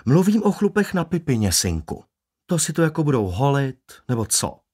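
A man's voice: medium pitch, big pitch swings, darkish tone, slightly rough, pitched above the performer's own voice. A man voicing a blunt, coarse small-town barber in an audiobook, crude and outspoken. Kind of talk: audiobook character voice.

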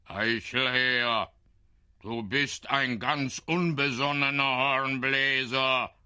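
A man's voice: mid-range voice, fairly even intonation, slow pace, bright, forceful tone, smooth. Guy doing a grumbly robber dad, storybook, worried. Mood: scolding. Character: gruff worried forest robber father.

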